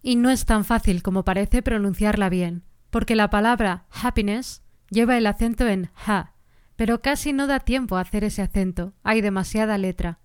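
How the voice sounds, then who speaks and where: A woman, hosting a singing-lesson podcast and explaining things in a clear teaching tone. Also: mid-range voice, normal speed, no room sound, clean studio sound, soft background music.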